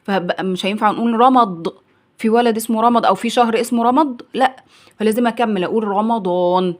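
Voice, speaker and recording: A woman's voice: fairly high pitch, fast. A woman with an Egyptian accent, a primary school teacher, gives a grammar lesson for young children. She asks questions and then answers them in the pupil's voice. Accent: Egyptian Arabic. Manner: asks and answers her own questions, acting out the pupil's replies.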